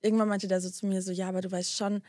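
A woman's voice: mid-range voice, flat delivery, racing, mellow, dry recording, clean studio sound. A young woman casually telling a story to her co-host, acting out both sides of the dialogue and dropping English slang into her talk.

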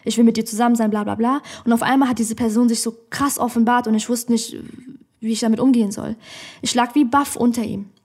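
A woman's voice: a little high, steady tone, fast, a little mellow. A woman comedian telling a personal story on a podcast in a studio, blunt and outspoken.

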